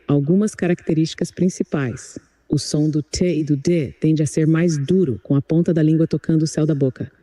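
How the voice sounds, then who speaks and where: A man's voice: a little high, dark tone, dry recording. A computer-generated male voice acting as an English tutor, speaking in an upbeat, encouraging, polished way. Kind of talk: chatbot voice giving an English lesson.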